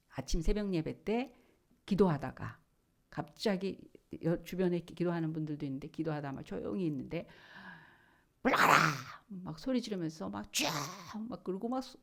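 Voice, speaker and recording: A middle-aged woman pastor preaching a sermon, telling a story dramatically, acting out shouted lines and dropping to whispers. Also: medium pitch. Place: church.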